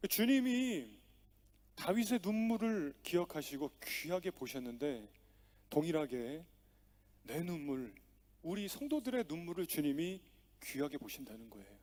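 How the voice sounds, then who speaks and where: A man's voice: on the high side, big pitch swings, measured pace, a little mellow. A man preaching a sermon as pastor, telling stories with acted-out dialogue and strong emphasis. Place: church sanctuary.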